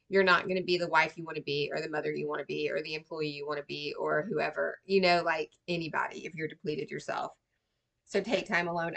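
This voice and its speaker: A woman talks her viewers through a tarot reading in a loose, chatty way. She reassures them often and keeps checking in with "right?" and "you know". Her voice sits a little low for a woman. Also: fairly bright tone. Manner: chatty, reassuring, many fillers and tag questions. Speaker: tarot reader.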